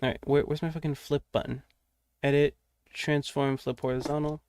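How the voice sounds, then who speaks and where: A man's voice: fairly high pitch, level tone, normal speed, a little mellow, smooth, dry recording, studio quality. A young man streaming while he draws, chatting casually, rambling and swearing, muttering to himself as he works. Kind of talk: casual livestream chat while drawing.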